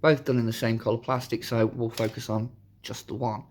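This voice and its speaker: A man's voice: mid-range voice, level tone, brisk, slight background noise. Man with a sore-throat voice. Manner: informal, chatty. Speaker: host of a toy review channel. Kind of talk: casual product review.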